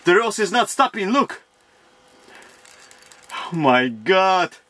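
A man in his thirties talking to camera from an ice-fishing tent, in broken non-native English and breaking into excited exclamations. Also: sits high, slow. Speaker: fishing vlogger. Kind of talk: casual vlog narration to camera. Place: inside an ice-fishing tent on a frozen lake. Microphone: action camera mounted in the tent.

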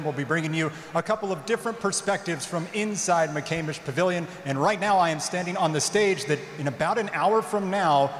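A man's voice: fairly high pitch, fairly bright tone, slight background noise. A man reporting live from a large arena with a polished reporter delivery on a handheld mic. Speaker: field reporter. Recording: echoey arena.

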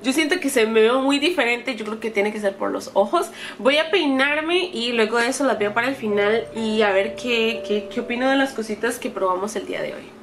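Lady in her 30s doing a makeup try-on vlog, kinda high voice, talks right to the viewers and fixes her words as she goes, faint hum behind. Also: brisk, hardly any pauses. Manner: chatty, self-correcting, talks straight to viewers. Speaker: beauty vlogger. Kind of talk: casual makeup try-on chat to camera.

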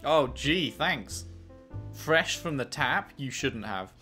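A man's voice: mid-range voice, lively intonation, takes it slowly, pushed and bright, soft background music. A man giving casual gameplay commentary as a let's play host, with dry sarcastic asides.

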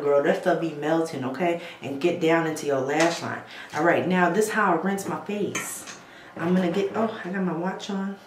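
This woman's deep voice guides viewers through a relaxed beauty how-to at the bathroom sink, punctuated by friendly "okay?" check-ins. The vlog has slight background noise, roomy echo and faint ambience.

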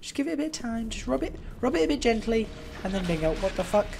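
A young man giving excitable, joking, profane commentary while playing a game, close to his mic. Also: extremely high pitch, quick pace, vocal fry, slight background noise. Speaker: gaming commentator. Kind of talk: let's play commentary. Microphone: close desk mic.

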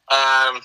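A man with an Irish accent answering quiz questions on a podcast, hesitant and halting as he searches for words. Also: mid-range voice, bright, forceful tone, clean tone, low-quality recording. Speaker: quiz contestant.

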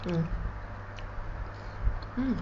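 A woman's voice: drawn-out words, mellow. A woman chatting casually and intimately, as if to a close friend, while eating and talking with her mouth full. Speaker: vlogger eating a meal on camera. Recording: dull lo-fi sound with faint noise.

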